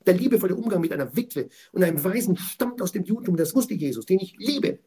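A man giving a passionate weekly Torah commentary, swinging between quiet explanation and loud, indignant outbursts. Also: high voice, lively intonation, fast talker.

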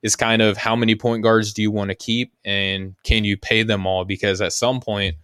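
A male podcast host with a low, even voice talks through the topics steadily. His tone is smooth and clear, and the recording is dry and close. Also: normal speed, no room sound. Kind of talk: casual sports talk.

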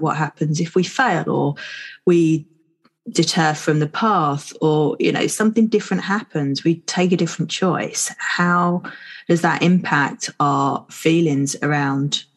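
A woman co-hosting a podcast, thinking aloud in a casual chat and posing questions as she goes. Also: sits low. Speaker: podcast co-host.

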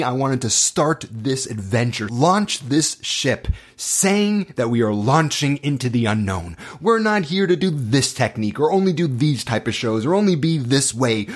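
A man speaking as an acting teacher shares personal stories to inspire his students, earnest and impassioned, with dramatic, emphatic phrasing. His pitch is medium.

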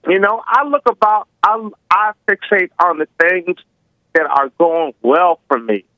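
A man calling in to a talk show, speaking casually and haltingly with slightly slurred words and slushy s sounds. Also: high voice, dry recording. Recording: narrow tinny phone line.

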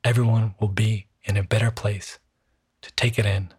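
Soft, breathy man guiding a meditation. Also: lowish voice, no echo, studio quality. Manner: calm, soothing, unhurried delivery. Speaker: meditation guide. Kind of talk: soft, hushed guided meditation.

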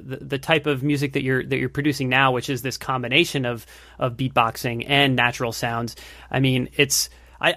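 Bright sounding guy hosting, lots of restarts, dry mic. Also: a little high, no room sound. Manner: halting, searching phrasing with many restarts. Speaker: podcast host. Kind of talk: casual interview conversation.

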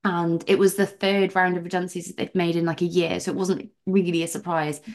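A woman's voice: lowish voice, flat delivery, brisk, a little mellow. A young woman from England, a podcast guest, chatting casually and animatedly with lots of "like" fillers. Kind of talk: casual interview chat.

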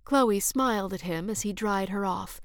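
A woman narrating an audiobook romance in a soft, intimate voice that drops to hushed whispers. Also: mid-range voice, normal speed, no room sound, clean studio sound. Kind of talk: scripted narration.

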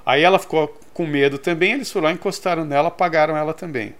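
Male podcast co-host from Brazil, rapid animated storyteller, slightly higher voice. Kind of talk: casual storytelling chat.

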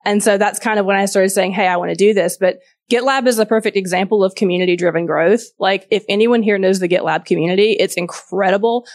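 A woman's voice: mid-range voice, fast talker, a little mellow, dry recording, studio quality. A woman from Georgia with a Southern US accent gives an informal talk as a venture capital partner, chatty and conversational. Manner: chatty, informal, asks audience questions.

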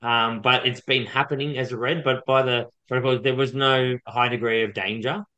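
A man's voice: mid-range voice, steady tone, normal speed, pushed and bright, highs cut off. A man giving opinions on sport as a podcast co-host, blunt, emphatic and heated.

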